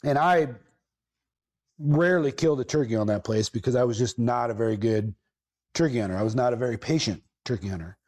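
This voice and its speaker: A man's voice: medium pitch, brisk. Rambling man telling a story. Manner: rambling and self-correcting, with lively emphasis. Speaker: podcast host. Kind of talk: casual storytelling.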